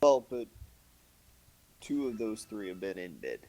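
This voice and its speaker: A man giving measured, analytical co-commentary on a live video game match. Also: fairly low pitch, sing-song, a loud crowd, low-quality recording. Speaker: esports co-commentator.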